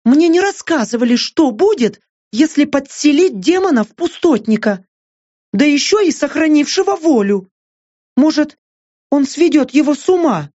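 A man's voice: lively intonation, normal speed, darkish tone. Laura, a man voicing a fretful young woman. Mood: worried. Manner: high, worried, questioning. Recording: dull lo-fi dry audiobook.

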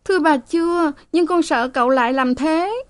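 A woman voicing a frightened young servant girl who pleads in a shrill voice. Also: moderate pace, lightly acted. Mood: pleading.

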